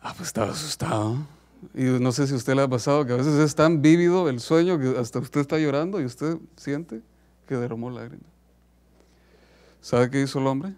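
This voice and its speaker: A man, a pastor, telling a story in a sermon, dramatic and swinging between loud and hushed. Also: medium pitch, normal speed.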